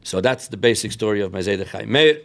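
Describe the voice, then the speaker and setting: Low, creaky-voiced man with inflection. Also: animated, fairly quick, fairly bright tone. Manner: mixes in many Yiddish and Hebrew words. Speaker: interview guest, rabbi telling family history. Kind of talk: conversational storytelling.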